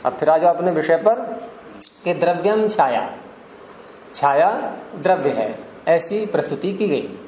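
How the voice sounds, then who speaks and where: Lecturing on Indian philosophy and grammar, an older man quizzes the class and drags out his step-by-step explanations. He sounds animated, his voice fairly high and a little mellow, with the classroom's echo and faint background noise audible.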